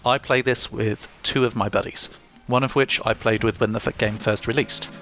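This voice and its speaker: A man's voice: mid-range voice, fairly even intonation, moderate pace, fairly bright tone, soft background music. A young man reading a scripted game review with dry, self-mocking humour. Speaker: gaming YouTuber.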